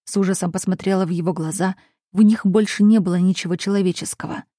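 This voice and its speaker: A woman narrating a romance novel in the first person with an intimate, expressive reading. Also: on the low side, fast, no room sound, studio quality. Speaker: audiobook narrator.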